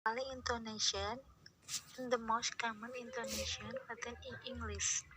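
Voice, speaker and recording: A young woman with an Indonesian accent reads lesson notes at a steady pace, giving English examples and their translations. Her voice is a little high. Noise is clearly heard behind her. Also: measured pace. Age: young adult. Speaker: student presenting a lesson. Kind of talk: reading lesson material aloud. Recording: audible background noise.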